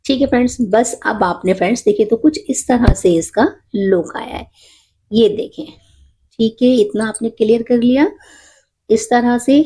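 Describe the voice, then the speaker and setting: A woman's voice: fairly high pitch, a little slow, mellow, slightly rough. A woman with a cold teaching a knitting tutorial, patiently counting stitches aloud and explaining each step. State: has a cold, voice a bit rough.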